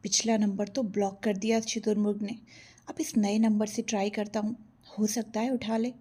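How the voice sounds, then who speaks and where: A woman voicing a playful young college man musing to himself, in her own husky voice. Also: mid-range voice, flat delivery, normal speed, warm tone, close to an everyday voice.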